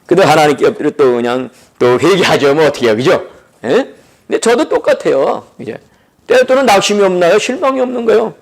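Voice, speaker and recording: A man delivers a revival sermon in a gravelly voice. His pitch rises and falls freely, and he keeps turning to his listeners for agreement. Now and then he acts out short dialogues in a lower, softer voice. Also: lively intonation, fairly quick. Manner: conversational, keeps asking listeners "right?". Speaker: pastor.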